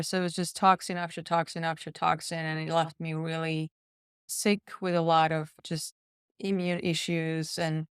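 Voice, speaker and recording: A woman's voice: lowish voice, smooth, no echo, clean studio sound. A woman from Slovakia, a podcast guest telling her personal story in an earnest, reflective way. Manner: earnest, reflective, repeats words while thinking. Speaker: guest, nutritionist and pharmacist.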